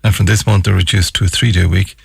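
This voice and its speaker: A man's voice: low voice, level tone, fast talker, gravelly, breathy edge, no echo. A man presenting a current affairs radio show, talking in a conversational but emphatic way.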